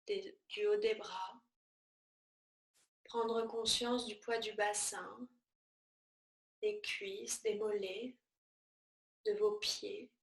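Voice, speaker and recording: A woman guides a yoga nidra relaxation meditation, soothing and measured, speaking in short, well-spaced phrases. Her voice is medium-pitched, and the low-quality recording sounds roomy.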